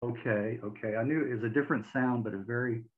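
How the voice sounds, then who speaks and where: A man's voice: mid-range voice, fairly even intonation, quick pace. A man hosting a video-call interview from a home room, asking friendly, hesitant questions with repeated words. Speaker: interviewer host. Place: home room with record shelves. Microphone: video call webcam mic. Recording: tinny phone-like video call audio.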